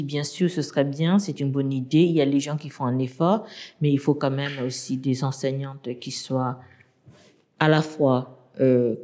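Native Burmese-speaking woman lecturer, low and mellow, hesitant explainer, long reverb. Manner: hesitant, many restarts and fillers, explanatory. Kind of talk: interview.

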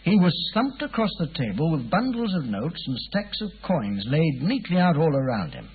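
Very husky Inspector Lestrade, muffled old radio. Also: male voice, fairly high pitch, very animated, normal speed, exaggerated voice. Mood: confiding. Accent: English. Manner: hesitant, colloquial, deferential. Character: Inspector Lestrade, weary, puzzled, chatty Scotland Yard policeman. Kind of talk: 1950s radio drama acting.

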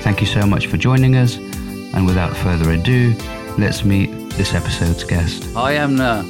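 A man's voice: lowish voice, animated, moderate pace, music in the background. A man hosting a podcast interview, chatty and rambling with fillers, after a read intro. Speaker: podcast host. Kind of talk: scripted intro then casual interview.

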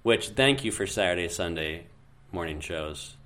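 Deep-voiced man chatting on a podcast. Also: moderate pace. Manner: relaxed, rambling, thinks aloud with fillers. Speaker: podcast co-host. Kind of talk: casual chat.

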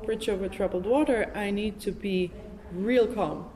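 A woman hosting a podcast interview thinks aloud casually and reflectively, with an informal, enthusiastic manner. Her voice is medium-pitched and mellow at a normal speed, captured in a noisy, reverberant hall.

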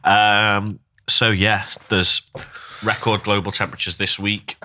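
A man's voice: lowish voice, level tone, measured pace, sharp tone. A man from Northern England co-hosting a podcast, chatting casually and hesitating often with ums. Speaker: podcast co-host. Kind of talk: casual chat.

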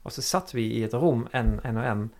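A man's voice: mid-range voice, a little mellow. A man in casual chat, talking hesitantly, repeating words and searching for the right phrasing.

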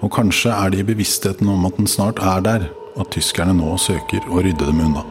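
A man reading aloud, in a measured and solemn way, the diary of a wartime prisoner, over music. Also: sits low, steady tone.

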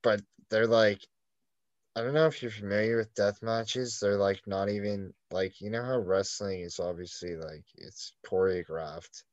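A man's voice: lowish voice, fairly even intonation, measured pace, no room sound, dull audio. A man co-hosting a casual podcast, rambling through a story with constant "like" fillers and plenty of swearing. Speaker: podcast co-host.

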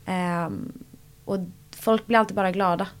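A young woman from Borås, a pop singer, talks as a guest on a podcast. She tells animated stories in a mid-pitched voice and slips into the voices of the people she quotes. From Borås, Sweden. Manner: animated storyteller who acts out quoted voices and laughs often. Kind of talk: casual interview chat.

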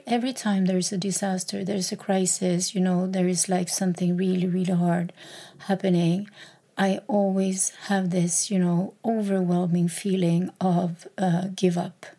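A woman's voice: lowish voice, flat delivery, normal speed, warm tone. A woman talking alone on her podcast in a reflective, hesitant way, with many fillers and repeated words. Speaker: podcast host.

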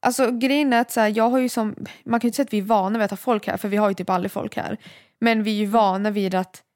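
A woman's voice: medium pitch, fairly even intonation, a little mellow, no room sound, clean studio sound. A woman in casual conversation, reacting with short sympathetic interjections before she shares her own view. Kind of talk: casual chat.

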